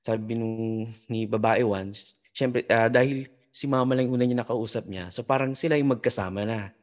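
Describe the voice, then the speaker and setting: A man, a podcast guest, telling a story in casual talk, halting and full of fillers and restarts. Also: mid-range voice, dull audio.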